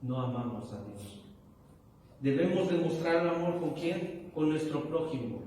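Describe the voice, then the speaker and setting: A man's voice: on the high side, lively intonation, unhurried, dark tone, slight background noise. A man preaching a sermon as pastor, questioning his listeners and rising to emphatic bursts. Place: church hall. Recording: echoey hall, from far off.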